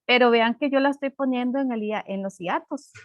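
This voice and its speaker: A woman's voice: on the high side, brisk, dry recording, muffled recording. A woman teacher giving a class, patiently explaining and checking in with "¿verdad?" often. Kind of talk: online class lesson.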